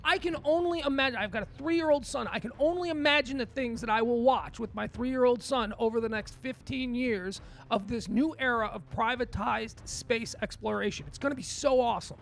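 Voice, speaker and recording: A man with a very high voice and gravelly creak hosts casual radio talk. He is excitable and leans on repeated phrases for emphasis. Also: brisk, hardly any pauses, a little hiss or hum, poor audio. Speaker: talk show host.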